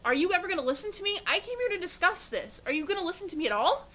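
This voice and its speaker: A woman's voice: fairly high pitch, animated, fairly quick, fairly bright tone. A woman playing an earnest, prim liberal professor who protests indignantly in a scripted news satire.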